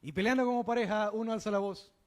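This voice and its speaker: A man preaching a sermon, putting questions to the congregation and moving between hushed asides and raised, emphatic bursts. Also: high voice, fast. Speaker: pastor.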